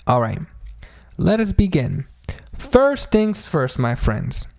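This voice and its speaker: Slightly high-voiced male math teacher, sore throat. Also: huge pitch swings, takes it slowly, creaky, a little mellow, no echo, studio quality. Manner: chatty, addresses listeners as friends, step-by-step explaining. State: sore throat, pained to talk after a blow to the throat. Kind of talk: informal tutorial on math problems.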